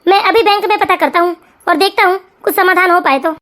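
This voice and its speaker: A performer voicing a hot-headed young husband in a cartoon story, urgent and accusing, in a very high voice. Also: fast talker, bright, forceful tone. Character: stressed young husband, hothead.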